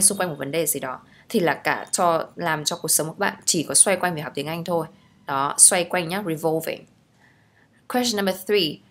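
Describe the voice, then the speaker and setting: Woman, Vietnamese accent, young adult, English teacher, slightly low voice, explains phrase by phrase, checks in with listeners. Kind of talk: language lesson explaining phrases.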